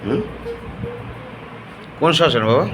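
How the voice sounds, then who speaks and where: A man gently and softly coaxing a possessed person with repeated questions during a ritual. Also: medium pitch, animated, measured pace, music in the background. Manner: soft, coaxing, repeats endearments. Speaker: assistant at an exorcism ritual.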